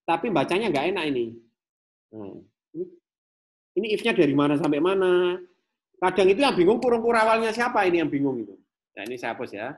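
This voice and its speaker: Animated Indonesian lecturer demonstrating code. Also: male voice, high-pitched, fast talker, long pauses. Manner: repetitive, thinks aloud while demonstrating. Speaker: programming lecturer. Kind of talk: live class, explaining code on screen.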